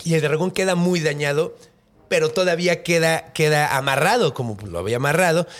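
A man's voice: on the high side, fairly quick. A man with a Mexican accent hosting a podcast, telling a story casually with lots of slang and swearing. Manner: slangy, profane, animated. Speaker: podcast host.

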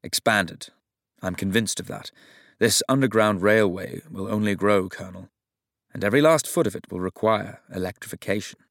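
A man voicing a disdainful, ailing male company president with a hoarse, faint voice and curt manner. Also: fairly low pitch, normal speed, no room sound, studio quality, lightly acted. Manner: curt, dismissive.

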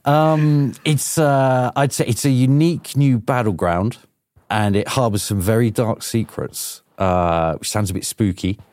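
A man's voice: mid-range voice, unhurried, darkish tone, dry recording. A man, a producer, talking eagerly on a podcast, hedging with lots of fillers and restarts. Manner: enthusiastic, hesitant with many fillers. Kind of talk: casual podcast chat.

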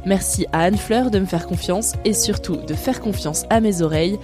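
A woman's voice: medium pitch, normal speed, music in the background. A woman hosting a podcast, reading a friendly, conversational script. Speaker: podcast host.

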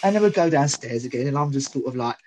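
A man chatting casually, telling rambling, halting stories. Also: medium pitch, expressive, a little mellow, slight background noise, low-quality recording. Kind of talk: casual chat.

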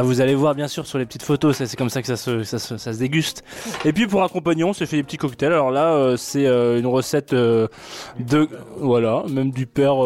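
A man's voice: mid-range voice, a little mellow. Chatty male radio co-host. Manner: laughing, loose, chatty. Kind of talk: casual radio chat.

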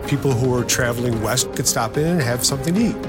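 A man's voice: mid-range voice, fast talker. A man giving explanatory interview commentary on history for a documentary. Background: music behind the voice.

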